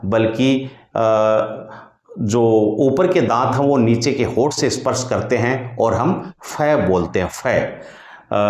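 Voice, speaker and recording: Slow, deliberate male Hindi grammar teacher. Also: mid-range voice, a little mellow, reverberant. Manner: slow, deliberate, repeats sounds to demonstrate; addresses listeners as friends, with thinking fillers. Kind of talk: exam-prep phonetics lesson.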